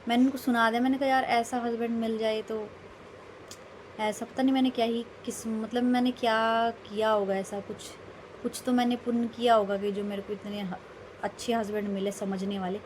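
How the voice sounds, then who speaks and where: A young woman tells a rambling, emphatic story about her day in a casual vlog monologue. Her voice is on the high side and a little mellow, with a flat delivery and moderate pace. There's slight hiss or hum.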